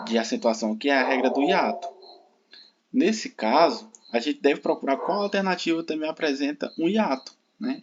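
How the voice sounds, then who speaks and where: A Brazilian man teaching an online exam-prep grammar lesson in a patient, explaining way, often checking in with his students. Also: mid-range voice. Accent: Brazilian Portuguese. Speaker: Portuguese teacher. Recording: dull lo-fi sound with steady background noise.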